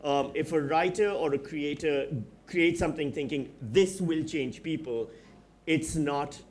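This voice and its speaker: On a festival stage before an audience, a Pakistani writer and comedian in his forties speaks as a panelist in a live discussion. His voice is on the high side with a measured pace, and he comes across as reflective and frank, with dry asides.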